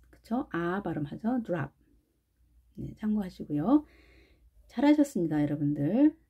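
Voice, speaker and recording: A woman's voice: mid-range voice, husky. Patient woman teaching English pronunciation. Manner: patient, repeats model words slowly, often starts with "자". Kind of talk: phonics lesson. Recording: dull, lo-fi sound.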